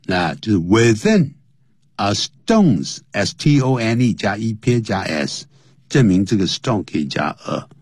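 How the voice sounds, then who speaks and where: A man teaching an English lesson, explaining slowly and spelling words out letter by letter, his voice jumping high to stress key points. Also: very animated, darkish tone, husky, no room sound, clean studio sound.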